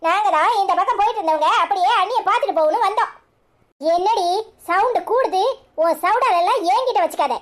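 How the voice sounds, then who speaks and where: A woman's voice: very high-pitched, animated, fast. A woman voicing a fierce, scornful cartoon sister-in-law. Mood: threatening. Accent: Kanyakumari Tamil. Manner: scornful, shouting insults. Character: fierce woman defending her brother's wife. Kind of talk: cartoon serial voice acting.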